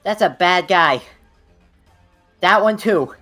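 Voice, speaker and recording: A man acts out a young anime heroine in a tabletop game, pitched high. She is feisty, anxious and protective, exclaiming melodramatically over background music. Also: slow pace, bright, forceful tone, exaggerated voice. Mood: anxious warning.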